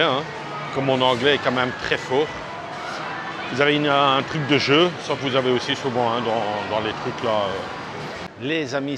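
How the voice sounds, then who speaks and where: A man talking casually as a travel vlogger, chatty and direct, rambling with lots of fillers and restarts. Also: mid-range voice. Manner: chatty and direct, addressing viewers. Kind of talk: casual walking vlog talk. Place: outdoors on a busy seaside street. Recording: street and traffic noise behind.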